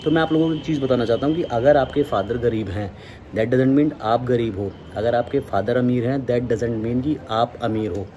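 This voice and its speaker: This young adult male fitness vlogger chats casually to the camera, addressing viewers directly from the rooftop and open balcony of an unfinished building. He speaks at normal speed in a mellow, medium-pitched voice, though the audio is dull, with clear outdoor ambience and traffic behind him.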